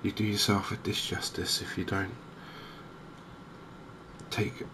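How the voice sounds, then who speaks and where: Clear game ambience hums steadily beneath a man's soft, low narration for a cozy gaming video. He talks gently and without hurry, barely varying his tone, as though quietly musing to himself in ASMR fashion.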